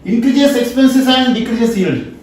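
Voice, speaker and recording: A man's voice: very high voice, a little slow, a little mellow, distant mic. A man with an Indian English accent lecturing at a farming seminar, repeatedly asking the audience "yes or no?" and repeating his points. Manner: repetitive questioning, asks "yes or no?". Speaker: founder giving a farming seminar. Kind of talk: lecture with audience call-and-response. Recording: echoey room recorded from afar.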